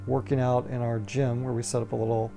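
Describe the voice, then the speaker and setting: Gravelly man in his forties. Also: mid-range voice, level tone, brisk, warm tone, faint music behind. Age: 40s. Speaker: interviewee. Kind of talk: documentary interview answers.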